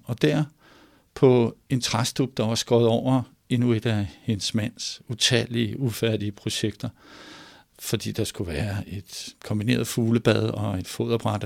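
A man telling a story aloud in a measured, pausing way, moving between hushed and emphatic passages. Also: mid-range voice, gravelly. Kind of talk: oral storytelling.

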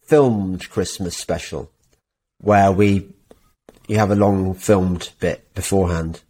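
A man's voice: low-pitched, slow, warm tone. An English man hosting a podcast, reading an advert and chatting with a jokey, sarcastic manner. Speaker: podcast host. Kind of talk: casual chat and read advert. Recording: roomy echo.

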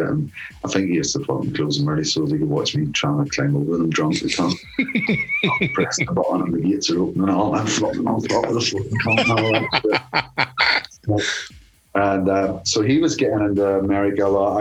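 A middle-aged man with a low voice tells a rowdy story as an interview guest. He swears freely and chuckles his way through it, with faint music underneath. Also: huge pitch swings, a little fast, rough recording. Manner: profane, laughing storyteller. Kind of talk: casual anecdote telling.

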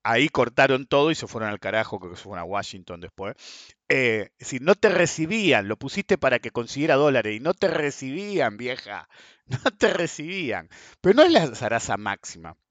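A man in his fifties speaks with a Rioplatense Argentine accent. He delivers a blunt, sarcastic podcast monologue, and his pitch swings widely as he mocks and scoffs. The recording is dry and close, with no room sound. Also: sing-song, a little fast, a bit bright, no room sound. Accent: Argentine Spanish (Rioplatense). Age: 50s. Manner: sarcastic, blunt, swears freely. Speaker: podcast host. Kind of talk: opinionated monologue.

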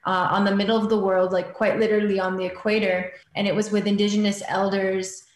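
A woman guest speaks in a roomy, echoing space with faint noise behind her. Her voice is mid-pitched, and she tells her story informally, hedging as she goes. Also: level tone, brisk. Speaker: podcast guest, filmmaker. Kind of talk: casual interview storytelling. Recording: roomy echo with background noise.

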